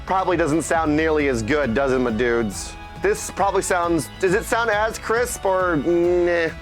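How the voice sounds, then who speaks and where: A slightly high male voice, measured in pace, comes through with faint music behind it as a game streamer chats casually to his livestream viewers. Goofy and theatrical, he plays around with invented silly words and keeps saying "my dudes" and "my friends." He streams from an indoor desk using a streamer microphone and headset.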